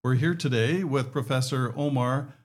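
A man's voice: mid-range voice, moderate pace. Man hosting a podcast interview. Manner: friendly, repeats words when thinking. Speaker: podcast host. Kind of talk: conversational interview.

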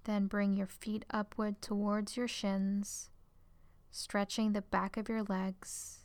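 A woman guiding a relaxation exercise in a calm, soothing way, her phrases trailing off into soft whispers. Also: mid-range voice, slow pace, no echo. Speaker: relaxation guide. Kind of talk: guided relaxation script.

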